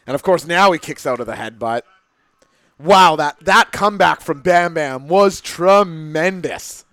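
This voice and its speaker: Higher-voiced male wrestling commentator, dry close sound. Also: animated, unhurried, fairly bright tone, no echo. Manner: exclamatory, wry asides. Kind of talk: excitable wrestling commentary, conversational banter between calls.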